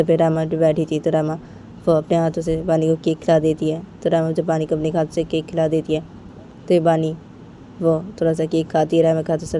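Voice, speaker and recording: A woman narrates a love story informally, retelling each step at an easy, repetitive pace. Her voice is low and mellow. Faint vehicle noise hums in the background.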